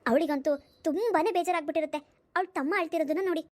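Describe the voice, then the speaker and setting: A woman's voice: very high-pitched, racing. A woman narrating a cartoon story who talks to her viewers in a friendly, chatty way. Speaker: storyteller and channel host.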